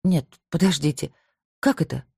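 A rattled young woman, voiced by an audiobook reader, asks anxious question after question. Her voice sits higher than the reader's own and sounds husky. The recording is dry and close. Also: normal speed, warm tone, no room sound, full character voice. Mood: disbelieving. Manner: urgent, pleading questions. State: shivering, headache. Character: young woman, shaken, confused and defensive.

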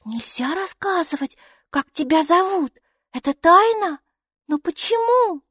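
Here a woman gives a full character voice to a cheerful, chatty six-year-old girl in an audiobook, pitching herself very high above her own voice. The pace is measured and the mood eager and excited, with questions pouring out. The studio-quality recording is dry.

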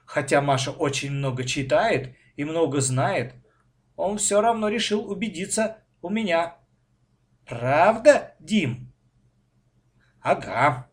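A man reading a children's story aloud in calm, unhurried narration. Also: a little high.

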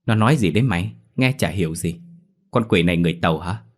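A man voicing a jittery, easily frightened young village lad who stammers and asks quick questions. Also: low-pitched, lively intonation. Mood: bewildered.

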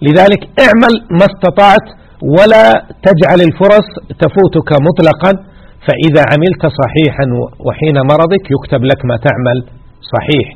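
A man's voice: a little high, a little fast, husky, muffled recording. A man teaching a religious lesson, exhorting his listeners and repeating key words for emphasis. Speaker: sheikh teaching hadith.

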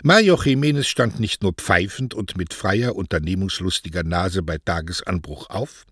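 A man reads a novel aloud in a measured storytelling manner. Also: low voice, fairly bright tone, breathy edge, dry recording, clean studio sound. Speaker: audiobook reader. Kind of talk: scripted narration.

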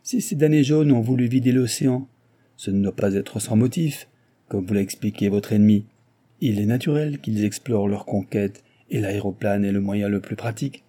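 A man's voice: lowish voice, moderate pace, warm tone, close to an everyday voice. A man reading voicing an assertive American adventurer who speaks emphatically. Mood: insistent.

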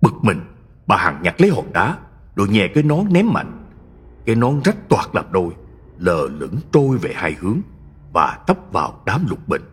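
A husky-voiced man reading a horror story aloud in a dramatic, suspenseful manner. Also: on the low side, big pitch swings, normal speed. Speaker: narrator. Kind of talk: scripted horror story narration.

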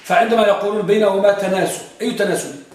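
A man with a high voice teaches a grammar lesson, pressing his students with repeated questions and stretching out example words. He is recorded from a distance in a strongly echoing classroom. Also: steady tone, racing, a little mellow. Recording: very echoey room, mic far off.

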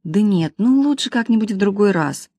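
A woman's voice: mid-range voice, lively intonation, moderate pace, mellow, no echo, voice pushed up. A woman voicing a timid, shy middle-aged spinster in an audiobook, mumbling hesitantly. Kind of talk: audiobook character reading.

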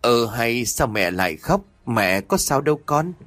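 A frightened elderly grandmother in a horror audiobook, her calls rising high and anxious, as a male narrator puts her on. She speaks in a soft, trembling way to her family. The voice stays lively in pitch and dry and close to the mic. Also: measured pace, no echo. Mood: gentle elderly.

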